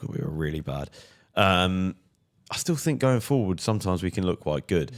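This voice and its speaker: A man's voice: deep voice, very animated, moderate pace. A man in a casual football chat, dropping dry, joking asides.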